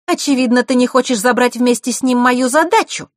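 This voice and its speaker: A woman's voice: high-pitched, normal speed, no echo, voice pushed up, natural voice. A woman reading a storybook and voicing a fierce, defiant teenage girl who talks back sharply and scornfully. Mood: mocking. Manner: sharp, scornful, rising to shouts.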